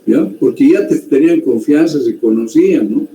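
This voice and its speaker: Dark-voiced male teacher, echoey room. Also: on the high side, animated, moderate pace. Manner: conversational, checks in often with "¿ya?". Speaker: medical school teacher. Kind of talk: classroom lecture. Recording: echoey room with faint ambient noise.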